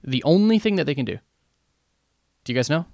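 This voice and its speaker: A man coaching a game team over voice chat, breaking down a replay in a casual, animated way and quizzing the players. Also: on the high side, fairly quick, creaky, no echo, studio quality. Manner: animated, asks the team questions, many fillers. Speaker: esports coach reviewing replays.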